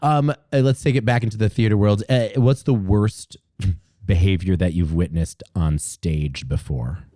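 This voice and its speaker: A man hosting a podcast in casual chat, playful and quick to laugh and cheer his guest on. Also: low-pitched, mellow, dry recording, clean studio sound. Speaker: podcast host.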